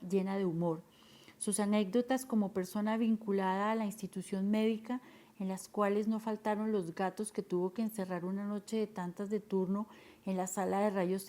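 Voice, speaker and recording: Female audiobook reader for a literary memoir, soft dark tone, mid-range pitch. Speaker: audiobook narrator. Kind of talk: read-aloud literary memoir narration.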